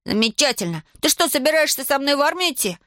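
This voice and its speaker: A woman voicing a stubborn, cheeky boy grandson in a read-aloud story, pitching her voice up high. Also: sing-song, fast, dry recording, clean studio sound. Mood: indignant. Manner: high bright boyish pitch.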